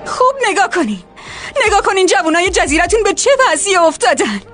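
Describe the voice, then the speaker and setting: A woman's voice: very high-pitched, big pitch swings, a bit bright, faint music behind, exaggerated voice. A woman dubbing a betrayed young woman who accuses and mocks in a sarcastic tone. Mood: bitter. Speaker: dubbing actor. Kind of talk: dubbed TV drama.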